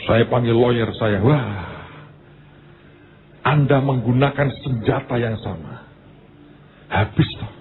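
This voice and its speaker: A male pastor preaching with a Javanese-inflected Indonesian accent, telling stories in an animated way that swings between high exclaiming and low murmured asides. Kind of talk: sermon. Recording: tinny phone-like sound with faint noise.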